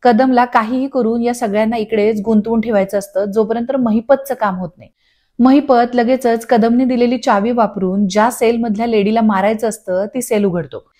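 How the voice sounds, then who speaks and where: A woman narrating a scripted voice-over recap of a TV serial. Her voice sits a little high, and she moves through the scenes in a steady storytelling manner, close to the mic. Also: normal speed. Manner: steady storytelling, reading dialogue aloud. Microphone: studio voice-over.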